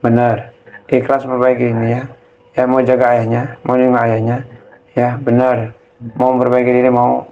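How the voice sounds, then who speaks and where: A man, a ruqyah cleric gently guiding a family through prayer and rising into fervent pleas. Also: medium pitch, monotone, normal speed, highs cut off.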